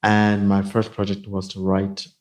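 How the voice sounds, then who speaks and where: Low-voiced man in his fifties. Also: monotone, a little mellow. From Nigeria. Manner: measured, explanatory. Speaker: guest, company CIO. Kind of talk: casual interview.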